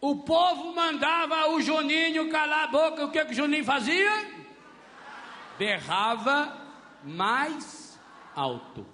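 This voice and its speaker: Brazilian priest giving a sermon, high sharp voice, acts stuff out loud, echoey hall. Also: male voice, takes it slowly, slight background noise. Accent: Brazilian Portuguese. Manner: animated, acts out scenes with shouts.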